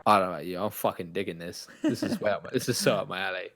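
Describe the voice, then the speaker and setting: A man's voice: sits low, rapid-fire. Man chatting over a game stream. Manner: relaxed, thanks viewers, swears casually. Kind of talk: casual gameplay chat. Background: game music.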